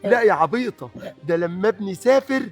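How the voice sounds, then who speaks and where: A man's voice: sits high, lively intonation, brisk, soft background music. A man with an Egyptian accent playing a confused, childlike elderly father who babbles and repeats simple words. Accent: Egyptian Arabic.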